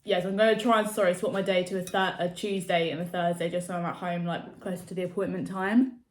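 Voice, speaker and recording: A woman's voice: lowish voice, flat delivery, quick pace. Chatty young woman in an echoey room. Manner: chatty, rambling, many fillers. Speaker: vlogger. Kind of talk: casual chat to camera.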